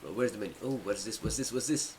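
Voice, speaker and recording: A let's play host with a fairly low voice talks fast and casually, thinking aloud, repeating himself, and reading out the game's text. Game music plays in the background, and crowd noise is audible.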